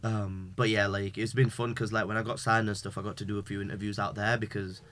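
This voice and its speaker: On a relaxed podcast, a young wrestler from Pakistan talks fast in a lowish, fairly bright voice with a level tone. He rambles, uses plenty of fillers, and drops British slang throughout.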